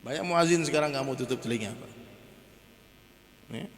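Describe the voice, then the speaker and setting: A man preacher giving a lively, joking sermon full of stories, often turning to his listeners. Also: medium pitch, moderate pace. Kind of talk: humorous sermon with storytelling. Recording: reverberant hall.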